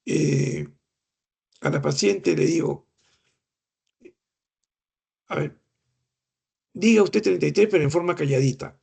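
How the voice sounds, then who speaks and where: A man's voice: on the high side, takes it slowly, gravelly, pauses often, a little mellow, husky. A middle-aged man lecturing on clinical examination, explaining patiently, asking rhetorical questions and imitating breath sounds. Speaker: medical lecturer.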